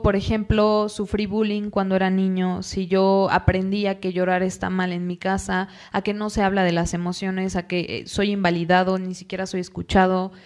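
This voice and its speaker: Calm woman psychologist. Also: medium pitch. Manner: calm, explanatory, acts out parents and children in quick quoted asides. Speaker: psychologist guest. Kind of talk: podcast interview.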